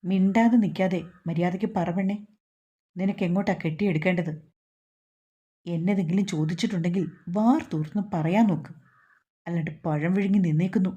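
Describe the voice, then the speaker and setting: A woman voicing a gruff, hot-tempered young male lorry driver who talks sternly and scolds. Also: lowish voice, brisk, long pauses, mellow, muffled recording. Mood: scolding.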